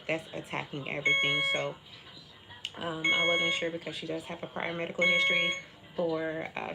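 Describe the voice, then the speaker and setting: A woman with a fairly low, gravelly voice chats candidly to her livestream in casual, slangy language. She is in a hospital room, with loud beeping alarm noise behind her. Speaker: livestream host. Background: beeping medical pump alarm.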